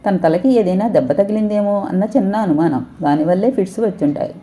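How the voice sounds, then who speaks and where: A woman reading the lines of a female hospital doctor, measured and explanatory. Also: medium pitch, mellow, natural voice. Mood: calm.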